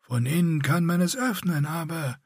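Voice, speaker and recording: Raspy menacing scarred young warrior guy, narrator doing the voice, high and strained, dry sound. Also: moderate pace, a little mellow, no echo. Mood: cold. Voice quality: grating raspy voice. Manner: curt and threatening.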